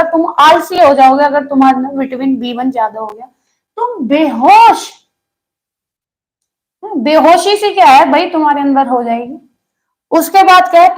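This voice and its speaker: A young woman teaching an online exam-prep lesson in a chatty way, teasing her students with jokes. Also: sits high.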